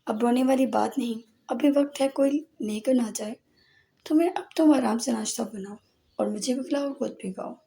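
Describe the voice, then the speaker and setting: A woman's voice: on the high side, normal speed, creaky, mellow. A woman voicing a mischievous, teasing young man in an audiobook novel, with a playful manner.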